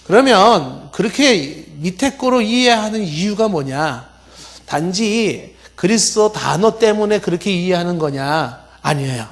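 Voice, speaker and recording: Animated high-voiced man preaching. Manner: explanatory, rhetorical questions, reads scripture aloud. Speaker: pastor. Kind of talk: expository sermon.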